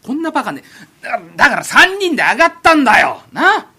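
A man voicing a rough, teasing townsman in a comic rakugo story, with gruff, bossy street talk. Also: high voice, big pitch swings, brisk, sharp tone, pitched below the performer's own voice, heavily acted. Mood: exasperated.

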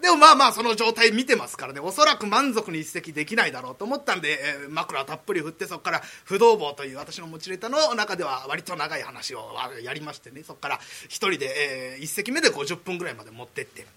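A man delivers a comic rakugo monologue before an audience, in formal, humble phrasing and often laughing at his own story. His voice is very bright and sits high for a man. His pitch leaps around freely. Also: animated, fast, hardly any pauses.

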